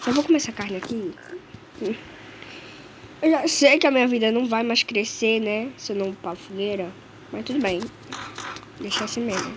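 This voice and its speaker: Anxious Brazilian woman gaming, noisy background. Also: fairly high pitch. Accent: Brazilian Portuguese. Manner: anxious, chatty, keeps exclaiming to viewers. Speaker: gamer. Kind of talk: let's play commentary.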